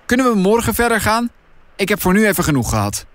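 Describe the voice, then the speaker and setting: A man's voice: high-pitched, big pitch swings, fast talker, no room sound, voice pushed up. A man doing a nervous young boy in an audiobook. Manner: nervous and anxious. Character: nervous boy twin, jumpy and doubtful.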